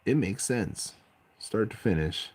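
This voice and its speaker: A man with a very low, deep bass voice and a gravelly rasp chats through a late-night hobby stream from home. He rambles, doubles back on his words and keeps it loose and friendly while he paints. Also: lively intonation, unhurried, darkish tone. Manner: rambling, self-interrupting, chatty. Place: at home at night, family asleep.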